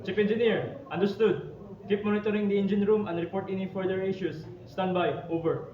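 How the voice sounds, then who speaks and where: A man's voice: high voice, fairly even intonation, a little fast, close to an everyday voice. A man playing a ship captain who makes formal marine radio calls, repeating call signs and signing off with "over.". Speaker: ship captain in a role-play. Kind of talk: amateur maritime emergency role-play. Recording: echoey room from far off, dull sound, crowd behind.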